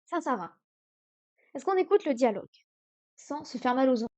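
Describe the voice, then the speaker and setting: A woman streaming herself studying Chinese, sounding out words slowly and correcting herself aloud. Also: sits high, sing-song. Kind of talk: live-stream study session.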